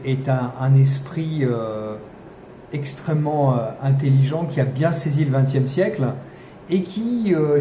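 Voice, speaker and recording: A man's voice: fairly high pitch, warm tone. A man hosting a podcast, talking off the cuff with many fillers, restarts and wry ironic asides. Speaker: podcast host. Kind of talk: unscripted commentary monologue. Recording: echoey room, faint background noise.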